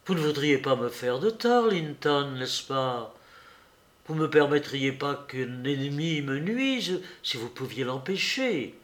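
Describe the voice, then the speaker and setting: A proud, hot-tempered young woman in an audiobook, put on by a male reader. She scolds in a sharp, raised voice, pushed up higher than a man's usual tone. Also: lively intonation, a little slow. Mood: earnest. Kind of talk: audiobook character reading.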